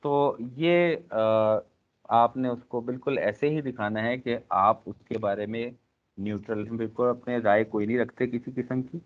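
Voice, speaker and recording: A man teaching a class in a lecture style, pausing often with fillers and speaking directly to his trainees. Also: mid-range voice. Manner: frequent filler pauses, addresses class directly. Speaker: instructor. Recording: tinny phone-like lecture recording.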